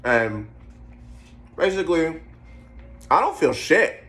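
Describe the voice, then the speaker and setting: A man's voice: on the high side, big pitch swings, takes it slowly, fairly bright tone. A man in his twenties rambling and musing aloud in a casual vlog, swearing freely as he goes. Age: 20s. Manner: eating while talking. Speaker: vlogger. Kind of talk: casual monologue to camera.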